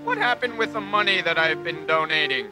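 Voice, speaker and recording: A man playing a flustered, self-serving mayor in a low-budget film, worried and stammering. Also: animated, brisk, over music, natural voice.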